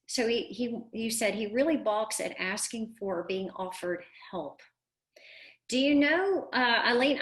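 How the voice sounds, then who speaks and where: A woman's voice: on the high side, fairly bright tone. Earnest middle-aged woman coach, echoey room. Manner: earnest and emphatic, repeats words for stress. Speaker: parenting coach. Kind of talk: live online Q&A class.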